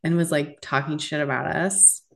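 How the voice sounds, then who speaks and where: A woman in her forties co-hosting a podcast, telling stories in quick casual chat and laughing as she goes. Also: low-pitched, fairly even intonation, fairly bright tone. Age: 40s. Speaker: podcast co-host.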